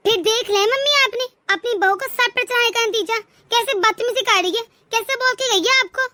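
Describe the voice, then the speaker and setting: A woman's voice: extremely high pitch, a little fast, bright, forceful tone, no room sound. A woman voicing a spoiled young married daughter in a cartoon, who taunts her sister-in-law. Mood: taunting. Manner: taunting, whiny. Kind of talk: cartoon voice acting.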